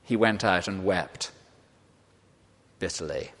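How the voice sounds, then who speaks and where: A man delivers a sermon with emphatic, repeated phrases that build on one another. His mid-pitched voice rings out with a long reverb, as if filling a large church. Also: animated, moderate pace. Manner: emphatic, rhetorical repetition. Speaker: preacher.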